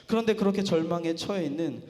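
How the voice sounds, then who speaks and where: A man's voice: high-pitched, quick pace, a little mellow, big-room sound. A male youth pastor preaching to teenagers in a casual, storytelling way, addressing them directly. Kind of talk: youth sermon. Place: church hall.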